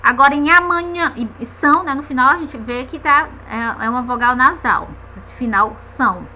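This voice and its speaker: A woman's voice: sits high, moderate pace, sharp tone, slight background noise, poor audio. A woman teaching a grammar lesson, patiently checking in with her students and stretching out the stressed syllables of example words.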